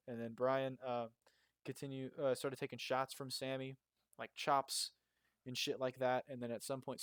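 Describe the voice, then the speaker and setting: Young male podcast co-host, mid-pitch, casual rambling recap style, profane, dry room. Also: dry recording. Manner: rambling, swears freely, many fillers. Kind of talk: casual wrestling review chat. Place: makeshift home recording spot.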